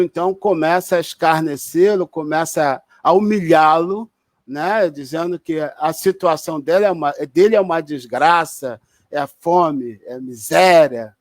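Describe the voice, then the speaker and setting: A man's voice: fairly high pitch, dry recording, studio quality. A man with a Brazilian Portuguese accent giving an online spiritist lecture in a conversational, explanatory way, with restarts and tag questions.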